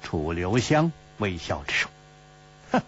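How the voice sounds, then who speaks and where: Slow, dramatic male storyteller. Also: medium pitch, huge pitch swings. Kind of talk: traditional storytelling narration. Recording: slightly dull recording with faint hum.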